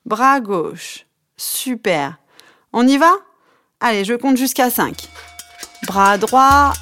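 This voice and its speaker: A woman guiding children through a movement session, counting out each step slowly and encouraging them. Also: a little high, a bit bright. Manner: slow, encouraging counting and instructions. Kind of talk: guided kids' exercise session.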